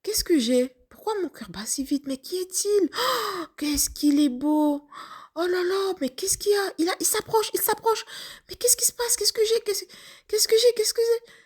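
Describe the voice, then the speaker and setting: A woman's voice: extremely high pitch, animated, moderate pace, darkish tone. A woman acting out a young, lovestruck waitress who panics and keeps questioning herself. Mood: flustered. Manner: breathless, flustered self-questioning. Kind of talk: first-person story acting.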